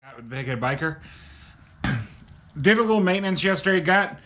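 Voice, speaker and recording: Here the same kind of speaker, a middle-aged vlogger, talks through a product review in his cluttered garage, easygoing and plain in his speech. He sounds high, expressive and a bit bright while keeping a normal speed, with the space's roomy echo and some background noise around him.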